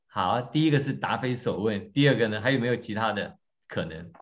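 Church class teacher, man, lowish voice, lively and self-mocking, dull lo-fi recording. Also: a little fast. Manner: lively, questions the audience, tells jokes on himself. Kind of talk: interactive teaching talk.

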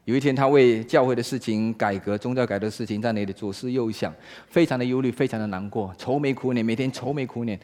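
A man preaching a sermon in Mandarin, asking rhetorical questions and swinging between loud exclaiming and hushed talk. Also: medium pitch, fast talker, hardly any pauses. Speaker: pastor.

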